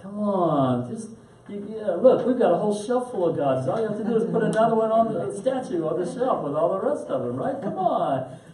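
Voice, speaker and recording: A man's voice: high-pitched, very animated, brisk, mellow, echoey room, recorded from a distance, pitched above the performer's own voice, low-quality recording. A man voicing a pushy, mocking pagan Greek who coaxes and taunts, as a teacher acts him out in class. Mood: taunting. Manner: taunting, coaxing.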